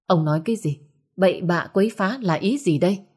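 Woman voicing a stern old patriarch, commanding, curt, lowish tone, story reading. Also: a little fast, darkish tone, husky. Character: stern older male village patriarch.

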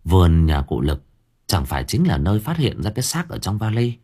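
A man narrating an audiobook story in a lively, expressive way. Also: low-pitched, fairly quick, breathy edge.

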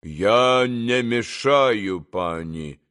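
A man voicing a haughty older Polish gentleman who speaks slowly and pompously. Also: on the low side, expressive, smooth, pitched below the performer's own voice, full character voice. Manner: pompous, slow and weighty.

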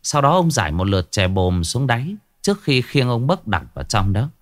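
A man narrating a ghost story as a storyteller, telling it in a dramatic, expressive way. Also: mid-range voice, fairly quick.

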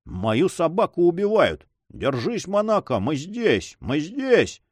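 A man plays a hot-blooded buccaneer tracker with a raised, bright voice. He calls out eagerly and loudly, always pushing ahead. It is told as an adventure audiobook. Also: a little high, huge pitch swings, takes it slowly, no echo, clean studio sound, voice pushed up, full character voice. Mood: alarmed. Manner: eager, shouting. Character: excitable male buccaneer tracker with a dog.

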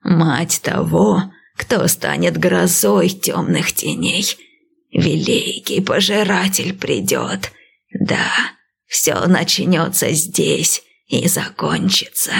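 A woman voicing an old blind priestess and seer, speaking slowly and calmly. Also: sits low, creaky, slightly rough, exaggerated voice. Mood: calm, wise. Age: older. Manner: slow, calm, measured.

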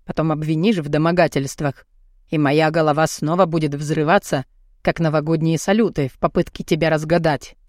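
A woman reading an audiobook and voicing a brash, crude, burly man with a husky, gruff voice and a teasing, swaggering manner. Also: deep voice, steady tone, fairly quick, darkish tone, no echo, clean studio sound, natural voice. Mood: strained.

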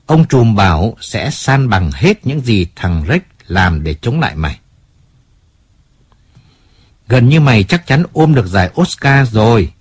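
A man reading the part of a calm, businesslike male family lawyer in an audiobook, measured and placating. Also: medium pitch, husky, no room sound.

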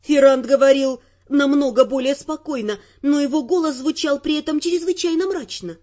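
A woman narrating a first-person audiobook with expressive, dramatic delivery. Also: high-pitched, moderate pace, lo-fi sound.

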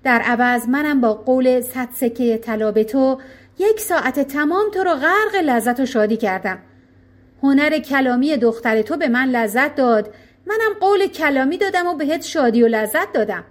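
A calm, shrewd old king in disguise, as a woman narrator plays him. He speaks politely and with gentle irony, in a fairly high voice with a lively lilt, like a storybook character. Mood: polite lecture.

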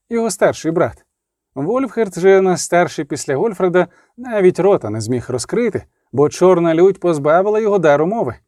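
A man narrating an audiobook in an expressive, vivid storytelling manner. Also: a little high, no echo, studio quality.

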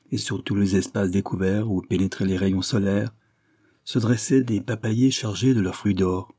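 A man reading a novel aloud as an audiobook narrator, with steady, measured narration. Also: fairly low pitch. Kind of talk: scripted narration.

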